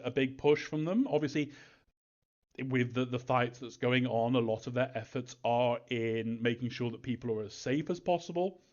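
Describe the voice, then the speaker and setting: In dull, lo-fi audio, a man with a medium-pitched, slightly mellow voice reads fan questions aloud. As a game developer answering them casually, he's hesitant, chuckles, and dodges story details.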